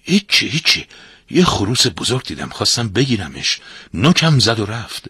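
A man's voice: on the low side, sing-song, bright, forceful tone, husky, dry recording, studio quality, full character voice. A man voicing a simple, kindly old father who speaks plainly and humbly. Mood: earnest.

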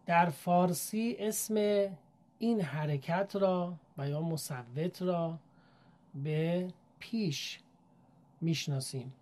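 A woman's voice: fairly low pitch, a little mellow. Patient woman teaching vowel sounds. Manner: polite, patient, slow and deliberate, sounding out syllables one by one. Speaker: Quran recitation teacher. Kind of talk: formal spoken lesson.

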